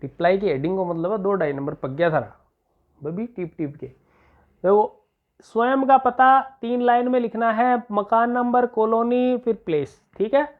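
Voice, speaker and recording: A male teacher with a Rajasthani accent walks students through an exam answer step by step, dictating slowly and often stopping to ask whether it is clear. The recording is thin and tinny, as if captured over a phone line. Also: high-pitched. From Rajasthan, India. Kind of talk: exam-prep lesson.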